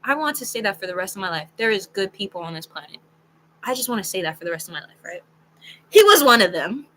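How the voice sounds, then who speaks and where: A young woman telling a personal story to camera in a casual, frank, animated way, full of "like" and the odd swear word. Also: medium pitch, fast, a little hiss or hum, poor audio. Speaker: storytelling video creator. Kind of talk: casual story-time monologue.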